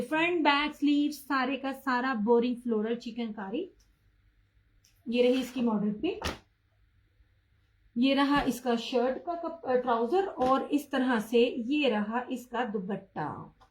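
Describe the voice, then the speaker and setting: A high-voiced woman sells clothes on a live stream, chatting away, greeting viewers by name and insisting her prices are low. The audio quality is poor.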